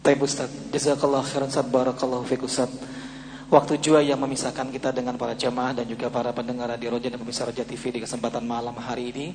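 A man's voice: mid-range voice, little pitch movement, fast, a little mellow, in a large hall, slight background noise. A male moderator closing a broadcast religious talk in a polite, formal manner. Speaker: program moderator.

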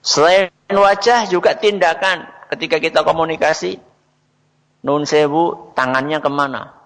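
Slow-speaking man preaching in a hall. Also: fairly high pitch, fairly even intonation, fairly bright tone. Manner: asks the audience questions and answers them himself. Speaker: religious speaker. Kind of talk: Islamic parenting talk to an audience.

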